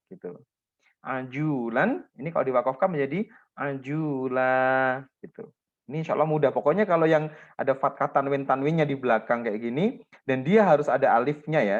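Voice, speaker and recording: A man's voice: medium pitch, highs cut off. A man teaching Quran recitation rules to a class, patiently explaining and modeling example words, often checking in with his students. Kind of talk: classroom lesson on tajwid rules.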